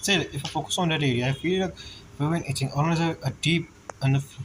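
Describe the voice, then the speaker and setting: Talking fast in a steady, higher-pitched voice, a gaming streamer rambles and thinks aloud through a casual playthrough, reading the dialogue as he goes. Game music runs underneath, and the poor audio carries a little hiss or hum.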